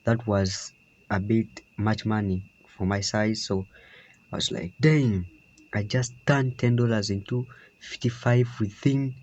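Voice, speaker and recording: A man's voice: on the low side, a little mellow. A young man from Uganda casually telling his own story, rambling with frequent restarts and repeated "yeah"s. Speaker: trading vlogger. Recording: slightly dull lo-fi.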